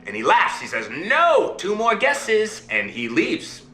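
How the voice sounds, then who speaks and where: A man's voice: high voice, wildly swooping pitch, slow pace, bright, forceful tone, roomy sound, soft background music, exaggerated voice. A man telling a fairy tale to his child over a video call, voicing the characters and checking in with okay and right. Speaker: father telling a bedtime story.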